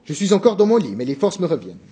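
Panicky young salesman, high and lively, a male reader doing him for a storybook. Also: slightly rough, exaggerated voice. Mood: pleading. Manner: pleading, hurried, apologetic.

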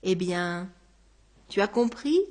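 Woman doing an unhurried, needling man who toys with his listener; audiobook. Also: medium pitch, lively intonation, darkish tone, pitched below the performer's own voice. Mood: teasing. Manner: teasing, unhurried. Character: mocking, calm Dutch man stranger.

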